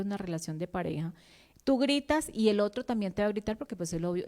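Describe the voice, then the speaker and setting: Woman, psychologist, warm mellow tone, conversational explaining. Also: medium pitch. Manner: conversational, explaining, addresses listeners directly. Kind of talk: talk on emotional health.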